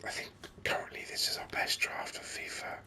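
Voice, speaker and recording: Musing unhurriedly and with some hesitation, a gaming host whispers breathy ASMR commentary right at the mic. Its tone is pushed and bright.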